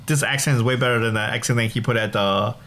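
A man's voice: mid-range voice, steady tone, fast, a bit bright. A man co-hosting a podcast, chatting casually, laughing often and stumbling over his words. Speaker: podcast co-host. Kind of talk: casual film discussion.

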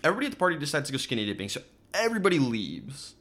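A man's voice: mid-range voice, very animated, very fast, fairly bright tone. A man co-hosting a podcast, casually recapping a horror film with wry asides. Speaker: podcast co-host. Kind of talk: casual chat.

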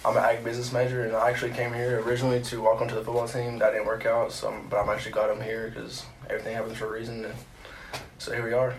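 A young man from Oklahoma, a student entrepreneur, talking quickly and casually in an interview. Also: medium pitch, monotone. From Oklahoma, USA. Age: young adult. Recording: roomy.

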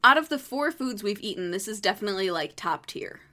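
A woman's voice: mid-range voice, animated, sharp tone. Chatty woman co-hosting a podcast. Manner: chatty, giggly, quick asides. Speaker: podcast co-host. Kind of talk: casual podcast chat.

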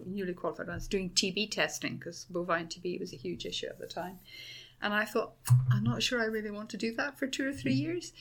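A woman's voice: lowish voice, fairly bright tone. A middle-aged woman with a Dublin Irish accent, a university principal answering interview questions with enthusiasm and many restarts. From Ireland.

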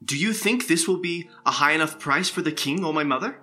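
A man's voice: on the high side, a little fast, pushed and bright, faint music behind. An actor playing an eager, lovestruck young man with an earnest manner.

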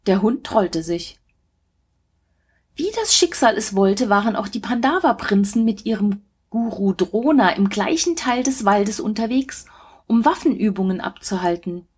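A woman reading a mythological story aloud in a measured, dramatic narration. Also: mid-range voice, lively intonation, breathy edge.

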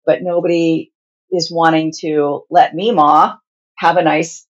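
A woman with a husky voice giving plain-spoken, explanatory answers as a hospice nurse being interviewed. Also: low-pitched, level tone, measured pace, muffled recording.

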